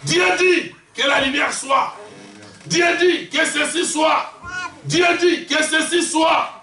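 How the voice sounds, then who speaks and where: High-pitched shouting preacher in a church. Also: male voice, steady tone, slow. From Congo. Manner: impassioned, shouting, call-and-response with the congregation. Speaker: visiting preacher. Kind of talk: sermon. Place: church hall. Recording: echoey church hall, distant mic, congregation responding. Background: congregation responses.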